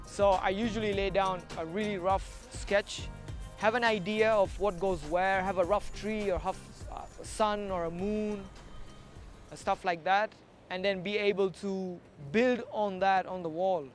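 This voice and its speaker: In a documentary interview and walk-along, a male street artist from Kenya speaks casually and reflectively, frequently repeating words to stress them. His high voice has fairly even intonation and a measured pace, over soft background music.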